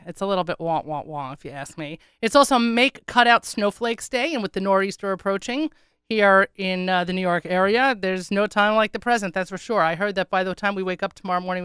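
Hoarse, congested American woman hosting radio. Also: lowish voice, fairly even intonation, fairly quick, fairly bright tone, no echo, clean studio sound. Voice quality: hoarse, froggy, swallowed-sounding voice. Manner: self-deprecating, wry. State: congested, under the weather. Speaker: radio show host. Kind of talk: casual chatty radio monologue.

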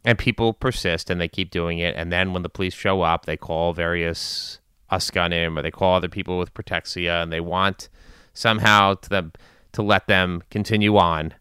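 A man giving informal news and community commentary in a measured, deliberate way with long pauses. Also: deep voice, fairly even intonation, pushed and bright, clear, resonant tone, no echo, clean studio sound. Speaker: commentator addressing his community.

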